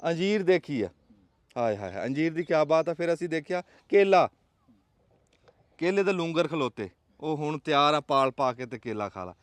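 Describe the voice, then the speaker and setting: Man, Pakistani Punjabi accent, slightly high voice, emphatic folksy vlog host, rhetorical storytelling, very little echo. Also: sing-song, normal speed. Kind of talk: casual outdoor vlog talk.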